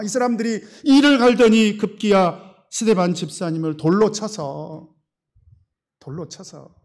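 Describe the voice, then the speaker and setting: A male pastor with a high voice preaches emphatically, swinging between loud and soft. He often asks rhetorical questions and leads the congregation in reading.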